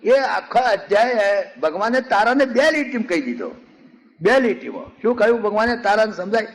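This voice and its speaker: A fairly high-voiced older man with a Gujarati accent gives a spiritual discourse. He tells folksy stories, acts out the people in them, and slows down to chant verses. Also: big pitch swings, low-quality recording. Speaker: spiritual speaker. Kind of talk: Ramayana discourse with humor and chanting.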